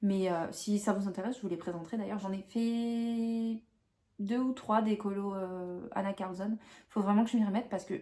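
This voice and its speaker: A young adult woman chats casually to her viewers about her coloring pages. Her talk is hesitant and full of fillers and restarts, in an even, middle-pitched voice. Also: normal speed. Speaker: vlogger showing her coloring books. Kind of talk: casual chat to camera.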